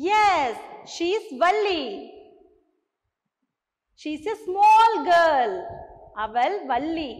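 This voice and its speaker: Tamil-accented woman teaching little kids, really slow and patient, echoey hall sound. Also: extremely high pitch. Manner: slow, coaxing, repeats each line in two languages. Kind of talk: bilingual classroom lesson for young children.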